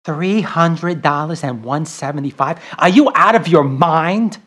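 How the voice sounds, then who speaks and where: A woman's voice: low voice, measured pace, fairly bright tone, husky, exaggerated voice. A woman voicing a blunt, combative, anxious single mother, in a comedic audio drama. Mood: angry. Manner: blunt, confrontational. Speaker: actor.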